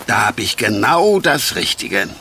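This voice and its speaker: An actor playing a strict, bossy man who guards his garden, with a gruff kindness underneath, in a children's audio drama. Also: on the low side, very animated, unhurried, sharp tone, full character voice. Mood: kindly. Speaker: stern garden owner neighbor.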